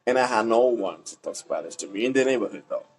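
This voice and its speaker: A man's voice: on the low side, quick pace, creaky, poor audio. Laid back guy hosting a podcast, puerto rico born, rambles with lots of likes and ums. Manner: relaxed, rambling, trails off with fillers. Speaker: podcast host. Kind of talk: casual chat.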